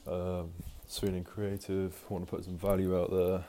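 A man's voice: low-pitched, level tone, normal speed, dark tone. A man hosting a casual solo podcast from home, rambling with lots of fillers and restarts while he moves around the house. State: out of breath. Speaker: podcast host.

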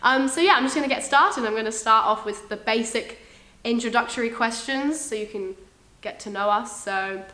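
A young woman from England hosting a casual podcast chat, loud and quick to laugh at herself. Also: on the high side, roomy sound. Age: young adult. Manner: loud, laughing, self-mocking. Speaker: podcast host, engineering student.

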